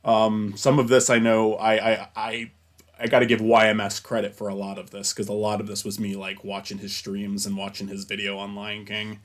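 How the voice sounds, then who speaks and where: A young man hosting a casual chat stream, talking in a rambling, halting way with frequent restarts and casual swearing. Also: lowish voice, little pitch movement. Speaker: stream host.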